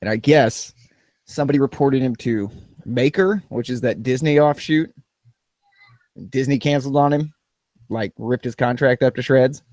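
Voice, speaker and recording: A man co-hosting a casual podcast, talking in a sarcastic, rambling way that swings from flat to animated. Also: medium pitch, normal speed, pauses often, no room sound. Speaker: podcast co-host.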